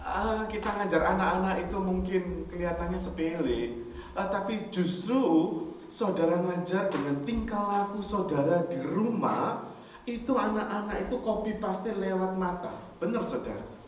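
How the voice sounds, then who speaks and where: A male pastor tells stories in a chatty, animated way, checking in with his listeners and mixing in English. His fairly high voice booms around a very echoey church hall. He is heard from far off the mic over faint noise. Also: moderate pace. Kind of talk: storytelling sermon.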